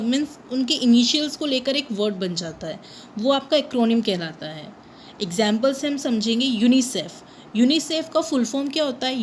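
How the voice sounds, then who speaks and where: A woman teaching a grammar lesson. She asks the class questions, answers them herself, and reads definitions slowly. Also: on the high side, slight background noise, poor audio.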